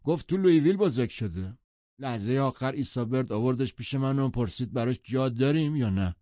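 Give me a man playing an irritable wealthy man in a story reading, curt and scornful, higher and louder than a plain voice. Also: lively intonation, dry recording, close to an everyday voice. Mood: irritated. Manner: blunt, scornful retorts. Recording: dull lo-fi audiobook sound.

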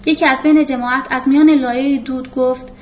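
A woman's voice: high-pitched, steady tone, muffled recording, a little hiss or hum. A woman narrating a novel as a scripted audiobook reading, giving the characters' lines in her own voice.

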